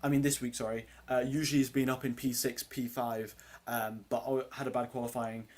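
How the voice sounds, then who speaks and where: A teenage boy, deep-voiced for his age, hosts a casual race watchalong live. His delivery is flat, brisk, and darkish in tone as he rambles through chat questions, um-ing and uh-ing often.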